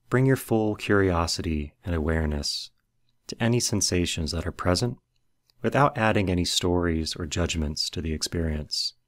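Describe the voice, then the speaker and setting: Working from a script, a man with a deep voice guides listeners through a meditation, delivering each instruction in a measured manner.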